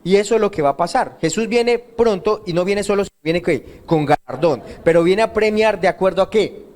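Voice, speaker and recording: A male pastor delivers a sermon at a church service, his voice sitting high for a man. He keeps throwing questions to the congregation and answering them himself in a call-and-response rhythm. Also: normal speed, a little mellow. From Colombia.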